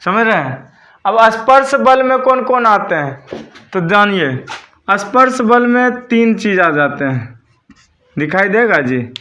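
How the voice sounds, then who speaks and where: A man's voice: high-pitched, expressive, takes it slowly, sharp tone. A man teaching a school physics lesson, dictating notes and repeating key terms back as questions for his students.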